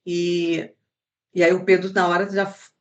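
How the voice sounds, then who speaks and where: Brazilian woman, mother sharing a testimony, animated storytelling, acts out quoted dialogue. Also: fairly low pitch, measured pace, highs cut off.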